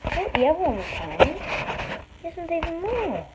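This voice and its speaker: A woman's voice: very high voice, huge pitch swings, fairly quick, very noisy. A young woman vlogging in a silly, casual way, acting out exaggerated fake sneezes. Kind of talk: playful casual vlog.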